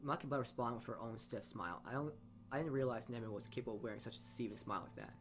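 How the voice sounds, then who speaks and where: Over background noise, a medium-pitched man rattles through a visual novel at a very fast clip, reading it aloud as a let's player and tossing in side remarks. Stumbles and reread phrases come up often.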